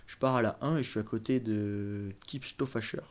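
A man's voice: on the low side, fairly even intonation, normal speed. Give me a young man around nineteen telling his story in a casual interview, rambling with lots of fillers and restarts. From France. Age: 19, young adult. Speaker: guest, junior BMX racer.

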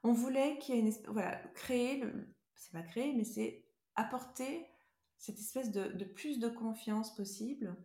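A woman's voice: fairly high pitch, normal speed, dark tone, echoey room. A middle-aged woman being interviewed casually, choosing her words hesitantly and often restarting her sentences. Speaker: interview guest, beauty brand co-founder.

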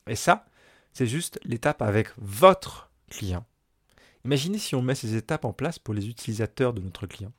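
A man's voice: mid-range voice, no echo, clean studio sound. A man with a bad cold and a congested, nasal, duck-like voice, hosting a solo podcast in an explanatory way. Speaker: podcast host and business coach.

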